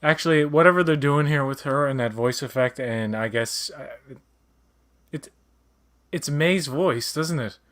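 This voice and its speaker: A man's voice: fairly high pitch, unhurried, a bit bright. A man from Canada chatting casually as a watch-along co-host, blunt and repeating words for emphasis. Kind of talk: casual chat and commentary.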